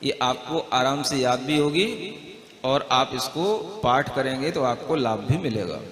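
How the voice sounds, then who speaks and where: This Jain monk speaks at medium pitch with a bit of brightness, mixing devotional discourse with a recitation lesson. He models verse pronunciation slowly and chats with the group, frequently asking "है ना?". Recorded among a gathering in a large hall, the sound is echoey with long reverb.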